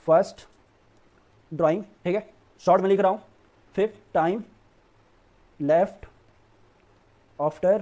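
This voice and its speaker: A man's voice: sits high, darkish tone. A man teaching an accounts lesson for board exams, coaxing students like a brother and repeating "theek hai" often. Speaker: commerce teacher. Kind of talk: online board-exam lesson.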